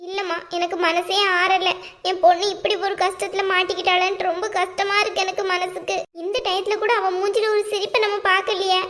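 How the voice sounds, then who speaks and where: A woman voicing a bitter, grieving middle-aged aunt in a cartoon, who airs her resentment in a slow, wailing way. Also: extremely high pitch, level tone, fairly bright tone. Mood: resentful. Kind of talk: cartoon voice acting.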